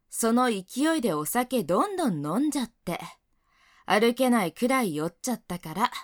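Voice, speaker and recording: A woman's voice: fairly high pitch, no room sound, studio quality. A woman playing a bossy, doting senior coworker. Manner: scolding, then softly doting and teasing. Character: bossy yet doting older female coworker, young adult. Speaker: senior colleague. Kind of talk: second-person audio role-play.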